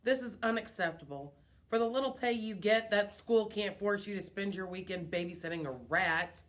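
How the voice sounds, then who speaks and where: A woman's voice: medium pitch, animated, brisk, pitched above the performer's own voice, natural voice. A woman reading aloud, voicing a grumpy old man in a wheelchair who sneers and complains. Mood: grumbling.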